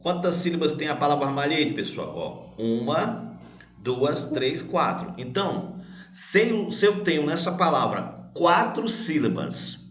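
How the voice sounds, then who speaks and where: A man, a teacher, patiently correcting a grammar worksheet for children, asking questions and answering them himself, spelling out syllables slowly. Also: a little high, big pitch swings, fairly bright tone. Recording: echoey room.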